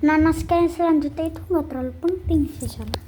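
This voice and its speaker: A woman's voice: sits high, fast, mellow, a little hiss or hum. A woman casually dictating a skit script, chatty, linking lines with "then" and acting out the quoted dialogue in shifting tones.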